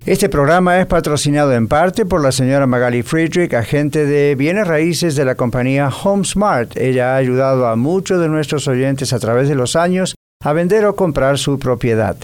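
Male announcer, clear smooth voice, formal sponsor read, careful number delivery. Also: fairly high pitch, a little mellow. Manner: formal, spells out phone numbers slowly. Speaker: radio announcer.

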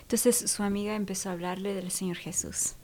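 A woman's voice: mid-range voice, little pitch movement, fairly quick, a little mellow, slight background noise. A woman interviewing, asking short prompting questions. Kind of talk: conversational interview.

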